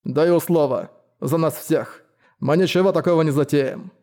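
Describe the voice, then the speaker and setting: A man's voice: fairly high pitch, normal speed, warm tone, lightly acted. A male narrator voicing a hot-tempered father with an indignant, protesting manner.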